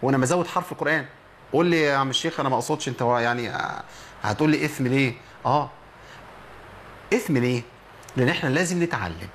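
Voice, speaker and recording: A man with an Egyptian accent teaching Quran recitation on a program, explaining patiently and drawing out example words slowly. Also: medium pitch, expressive, fairly bright tone, a little hiss or hum. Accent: Egyptian Arabic. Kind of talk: tajweed lesson on a program.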